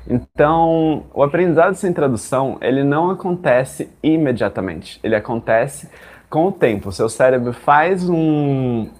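A man's voice: fairly high pitch, a little mellow. A young Brazilian man teaching English in casual chat, talking straight to his listeners and acting out his own past thoughts.

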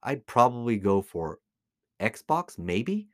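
A middle-aged American man, a podcast host and collectibles dealer, offers informal, opinionated commentary, emphatically repeating phrases for stress. His mid-range, slightly bright voice is very animated yet slow, in clean studio sound without echo.

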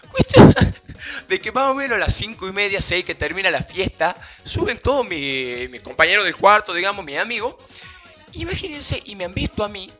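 Young guy, bright and lively delivery, slangy rambling storyteller, faint music underneath. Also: on the high side. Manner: slangy, animated, laughing, rambling with fillers. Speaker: vlogger. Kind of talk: casual storytelling anecdote.

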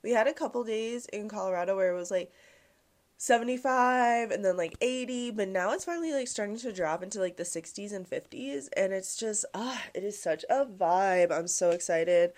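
A woman's voice: medium pitch, animated, normal speed, darkish tone. A young woman in her twenties hosting a casual solo podcast, congested and a bit nasal, chatty and peppered with "like.". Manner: chatty, heavy use of "like", swearing. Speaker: podcast host.

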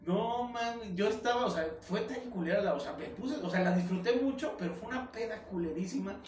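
A man's voice: high voice, fairly quick, a little mellow, echoey room, distant mic, a little hiss or hum. A young Mexican man chatting casually with a friend, telling a story in a slangy, laid-back way. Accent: Mexican Spanish. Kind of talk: casual chat between friends.

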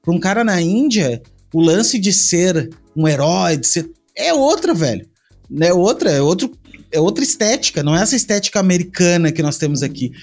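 A man's voice: high voice, big pitch swings, normal speed, a little mellow, soft background music. A man chatting casually, rambling with slang, restarts and fillers. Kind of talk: casual chat.

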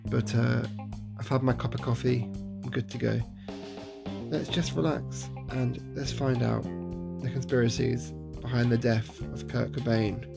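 A man's voice: medium pitch, steady tone, unhurried, vocal fry, loud music behind the voice. A man hosting a casual solo podcast in a groggy morning voice, chatty and self-deprecating, laughing at himself. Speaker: podcast host.

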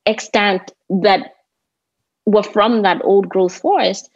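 A landscape designer from Kenya who grew up in Nairobi speaks as an interview guest with a Kenyan accent, her mid-range voice slow, fairly even, and edged with breath. Thoughtful and reflective, she often repeats points for emphasis. The audio is roomy, slightly dull, and lo-fi.

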